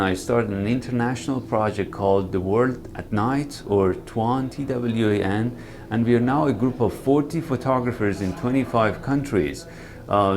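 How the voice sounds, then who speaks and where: An earnest man in his 40s from Iran speaks in a low voice during a documentary interview monologue. A night sky photographer, he sounds calm and reflective, with small hesitations.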